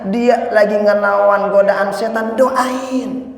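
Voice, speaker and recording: A man preaching an animated sermon, speaking straight to his congregation and chanting lines of the creed. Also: sits high, takes it slowly, vocal fry. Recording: echoey hall.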